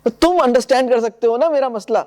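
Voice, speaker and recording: Man, high voice, poetry lecture, eager explaining, slow recited verses. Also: a little mellow.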